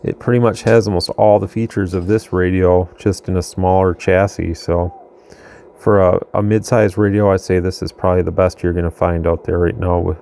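There's slight background noise as a radio reviewer, relaxed and thinking aloud with restarts, casually demos a radio at the workbench of his home radio room. His low voice has vocal fry and moves at a normal speed.

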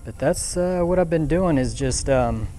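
A man's voice: on the high side, expressive, unhurried, dark tone, soft background music. A young man giving casual commentary from a small boat outdoors, thinking aloud with many fillers. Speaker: fishing vlogger. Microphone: action camera on the boat.

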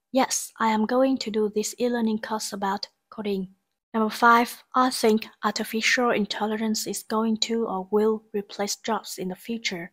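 This female English teacher covers grammar and pronunciation, explaining every exam answer and slowly reading sentences aloud before translating. She speaks in a mid-range voice with a slight roughness.

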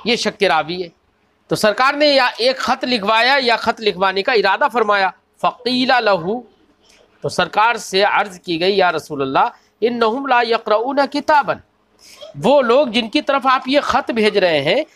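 A man teaching a religious lesson. He reads each quoted line slowly and deliberately, then explains it and often asks rhetorical questions of his listeners. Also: very high-pitched, fairly bright tone. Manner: slow, deliberate recitation of quoted text. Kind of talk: scripture lesson, reading Arabic then explaining.

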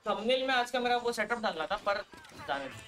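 Young male streamer barking quick callouts. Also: high-pitched, very animated. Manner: urgent, bossy callouts mixing Hindi and English. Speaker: gaming streamer. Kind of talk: live gameplay commentary and team callouts.

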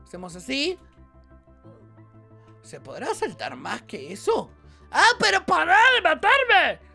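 Young rioplatense guy doing excitable gameplay commentary, high voice that jumps all over, yelps at the game. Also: slow pace, vocal fry, soft background music. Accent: Rioplatense Spanish. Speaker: gaming video host. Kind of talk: let's-play commentary.

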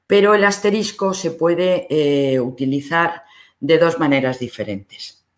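A library instructor with a Spain accent leads a recorded online lesson. The delivery is slow and unhurried. Each step of the screen demonstration is explained patiently. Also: medium pitch.

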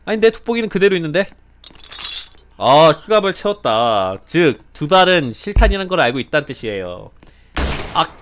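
A young man giving excited game commentary as a streamer, pleading, laughing and repeating himself. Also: a little high. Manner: animated, pleading and laughing, repeats phrases rapidly. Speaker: gaming streamer.

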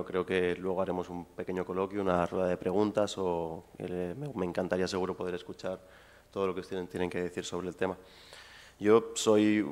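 A man's voice: sits low, darkish tone. A man giving a public lecture to a live audience, chatty and informal, with asides to the people in the room. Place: university lecture hall with audience. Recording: long hall reverb.

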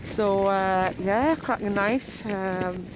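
A woman talking slowly and rambling to a camera from inside her tent at night. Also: medium pitch. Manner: slow, rambling, with many ums and repeats. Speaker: organiser of a women's wild camping meet. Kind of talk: casual vlog to camera. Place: small tent on a windy hilltop at night. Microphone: camera close overhead in the tent. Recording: loud wind noise over the voice. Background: strong wind noise.

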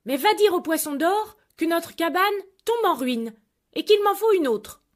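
A greedy, bad-tempered old fisherman's wife from a children's storybook, played by a woman. She scolds and demands in a loud, raised voice pitched far above the narration, rising and falling sharply. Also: lively intonation, measured pace. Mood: demanding.

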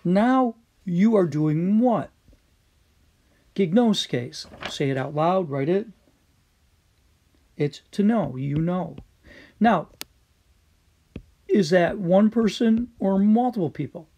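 A male teacher walks students through a recorded lesson, pausing with plenty of uh and um. His voice is fairly high for a man yet gravelly and husky, with a mellow, dark tone. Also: animated, highs cut off. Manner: patient, quizzing students, fillers like uh and um. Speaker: Greek teacher.

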